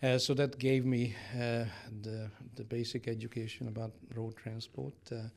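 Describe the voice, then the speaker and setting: A Hungarian-born engineer in his sixties, with a Hungarian accent, appears as a guest in a casual interview. He's measured and hesitant, using frequent filler sounds, and his mid-range voice is gravelly and darkish, with little pitch movement.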